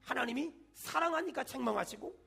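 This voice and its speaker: A man, a senior pastor, preaching a sermon with emphatic call-and-response and shouted peaks. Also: very high-pitched, lively intonation, fairly quick, gravelly, husky, soft background music.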